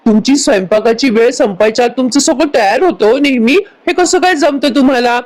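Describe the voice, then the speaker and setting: A woman's voice: sits high, a little fast, a little mellow, voice pushed up. A woman voicing a curious, talkative house help in a serial recap.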